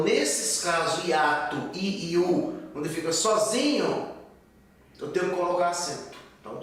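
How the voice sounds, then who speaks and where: A man's voice: fairly high pitch, a bit bright. An older man teaching a grammar lesson, explaining step by step and asking and answering his own questions. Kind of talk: recorded Portuguese grammar lesson. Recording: echoey room, voice from a distance.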